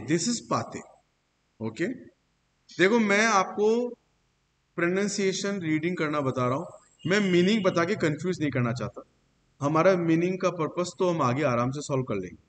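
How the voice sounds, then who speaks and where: A man teaching a French pronunciation class in a classroom, explaining rules step by step and praising his students. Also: fairly high pitch. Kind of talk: classroom lesson with slides. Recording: long reverb, faint hiss.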